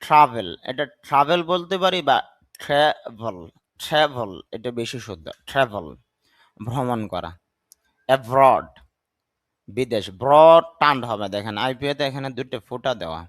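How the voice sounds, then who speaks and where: A man whose first language is Bengali, teaching English pronunciation, spelling words out slowly and repeating each sound. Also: mid-range voice, expressive. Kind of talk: pronunciation lesson.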